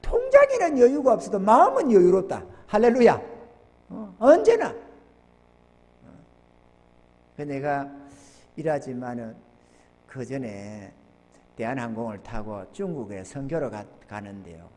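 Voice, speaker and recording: A male pastor preaching a sermon, telling folksy stories with sudden loud outbursts. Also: a little high, huge pitch swings, measured pace, pauses often, slight background noise. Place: church sanctuary. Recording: church hall with long reverb.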